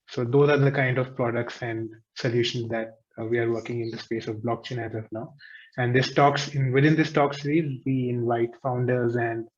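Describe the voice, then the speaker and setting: A man's voice: mid-range voice, dull audio. A man hosting a talk series over a video call, speaking evenly and in a businesslike way.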